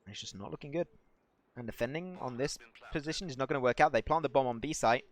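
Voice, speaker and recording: A man casting a live mobile shooter match, excitable and rising to near shouts on big plays while chatting to viewers. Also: mid-range voice, fast. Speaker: esports caster. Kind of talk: live game commentary.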